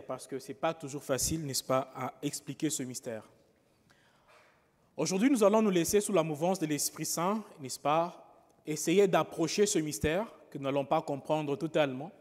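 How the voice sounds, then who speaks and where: A man, a priest, preaching a homily in a slow, pausing way, often adding rhetorical asides to the congregation. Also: a little high, big-room sound. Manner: slow, pausing, with frequent rhetorical "n'est-ce pas".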